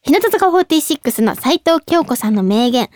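A young woman hosting a casual radio talk show, reading listener mail with a bubbly, giggly, animated manner. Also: sits high, fast talker, no room sound, studio quality. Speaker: idol radio host.

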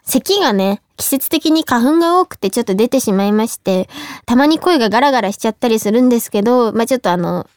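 A young woman hosting a radio show in a studio, talking fast and excitedly in a casual chat. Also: fairly high pitch, no room sound. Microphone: studio microphone.

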